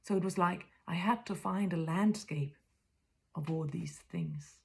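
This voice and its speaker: A Danish woman in her fifties, speaking with a Danish accent, delivers a reflective spiritual monologue. Her voice is soft, often whispery, on the low side and touched with vocal fry. She halts as she searches for words.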